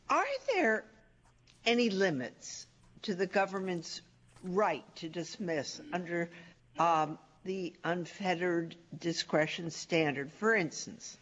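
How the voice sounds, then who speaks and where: Unhurried, slightly husky woman judge. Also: lowish voice. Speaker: judge questioning counsel. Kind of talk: courtroom questioning. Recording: dull, muffled courtroom audio.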